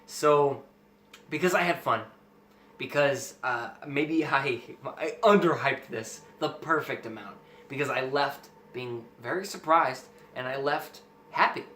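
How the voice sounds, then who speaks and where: Man, bright forceful voice, emphatic and enthusiastic, casual review host, roomy echo. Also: mid-range voice, unhurried. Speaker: host of a film review show. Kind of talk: casual movie review chat. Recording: roomy echo, faint background noise.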